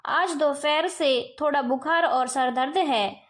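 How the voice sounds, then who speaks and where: A woman voicing a patient, soft-spoken wife and mother who calms her family. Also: high-pitched, takes it slowly. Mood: soft, placating. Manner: soft and placating.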